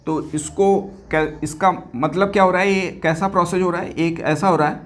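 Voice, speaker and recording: A man teaching physics to exam candidates, his voice sitting a little high. He keeps throwing questions at the class and answering them himself, repeating key terms and slipping English words into his Hindi. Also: fairly even intonation, brisk, fairly bright tone. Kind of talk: exam-prep lecture.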